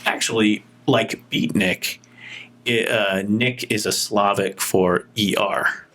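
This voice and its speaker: Man, low voice, casual talk host, chatty, word nerd. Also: fairly even intonation, slow pace, a bit bright. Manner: chatty, self-described word nerd with playful asides. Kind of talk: casual chat.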